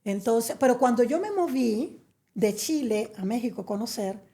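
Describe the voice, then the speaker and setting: Telling her story in a conversational interview, a middle-aged Venezuelan guest chats with lots of fillers. Her fairly high voice is expressive and mellow, and she keeps a moderate pace.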